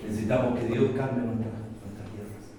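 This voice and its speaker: Brief: middle-aged Chilean pastor, fervent sermon, booming then hushed, recorded from afar in a very echoey church hall. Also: male voice, fairly even intonation, brisk. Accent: Chilean Spanish. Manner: impassioned preaching that swings between loud emphatic peaks and low confiding testimony. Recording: echoey church hall, mic far off, faint noise.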